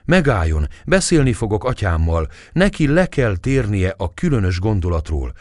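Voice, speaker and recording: A man voicing a gentle, loving young woman in an audiobook, with soft, earnest pleading. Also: fairly low pitch, sing-song, no echo, clean studio sound.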